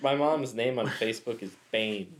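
A man co-hosting a podcast, telling stories in a relaxed, chatty way. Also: mid-range voice, moderate pace. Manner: laid-back storytelling, frequent laughs. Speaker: podcast co-host. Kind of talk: casual chat.

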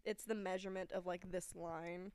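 A woman's voice: lowish voice, steady tone, moderate pace, darkish tone, clean tone. A woman co-hosting a podcast in casual chat, talking loosely with lots of "like" and laughing as she retells movie scenes. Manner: chatty, heavy use of "like", laughs while retelling scenes. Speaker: podcast co-host.

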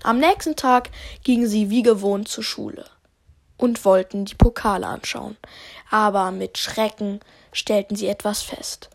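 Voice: mid-range voice, steady tone, a little slow, gravelly. Eine junge Stimme erzählt locker und etwas stockend eine improvisierte Geschichte und moderiert die Folge. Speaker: narrator and host. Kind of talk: improvised story narration.

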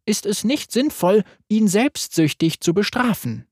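A husky-voiced narrator playing a calm older aunt who gently admonishes. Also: mid-range voice, unhurried, no echo, clean studio sound, pitched above the performer's own voice. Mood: gentle. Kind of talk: read-aloud storytelling.

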